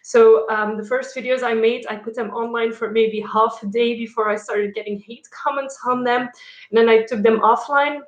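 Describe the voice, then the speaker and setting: A young Dutch-accented YouTuber, native in both Dutch and French, chats casually with her live-stream viewers, laughing often and using lots of fillers. Her voice is on the high side, steady and moderately paced, recorded with a roomy sound and the highs cut off.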